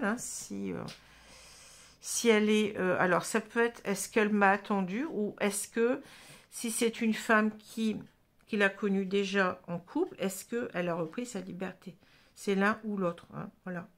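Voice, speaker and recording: Woman tarot reader, gravelly, mid pitch, halting casual delivery. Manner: halting, full of "hein" and "vous voyez", restarts. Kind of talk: casual tarot reading to camera.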